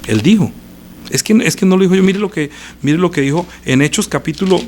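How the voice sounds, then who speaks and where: A man preaching a live-streamed sermon, reading scripture aloud and repeating phrases. He swings from loud emphasis to hushed lines. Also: high-pitched, a little fast, slight background noise.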